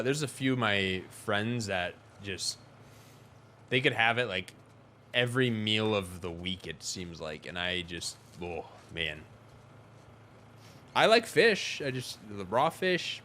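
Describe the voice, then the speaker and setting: Frank streamer man, bright forceful voice. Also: fairly low pitch, a little hiss or hum. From Wisconsin. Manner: rambling, frank, talks to chat. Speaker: livestreamer. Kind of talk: casual gaming livestream chat.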